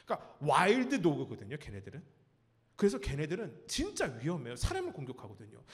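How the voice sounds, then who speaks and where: A man preaching a sermon as pastor, telling a story with lively acted-out cries and asking his congregation questions. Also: on the high side, fast, long reverb tail. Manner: animated storytelling, acts out cries and quotes. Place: church sanctuary.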